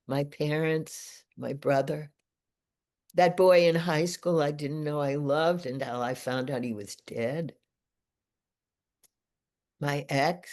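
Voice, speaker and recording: Slow, deliberate woman reading poems. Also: sits low, a little mellow. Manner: slow, deliberate, measured delivery. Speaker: featured poet. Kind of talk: reading her own poetry aloud.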